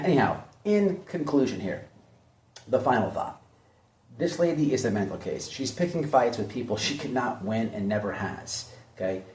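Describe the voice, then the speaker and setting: An online commentary host with a voice on the low side and a slightly mellow quality gives opinionated, mocking drama commentary, bluntly repeating points to drive them home. The room is echoey and the mic is distant.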